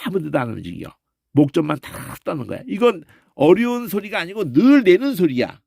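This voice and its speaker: Lively man teaching pronunciation. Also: high-pitched, fairly quick, creaky, no room sound, clean studio sound. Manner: demonstrates sounds aloud, frequent "어?" check-ins. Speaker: Bible language teacher. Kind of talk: informal pronunciation lesson.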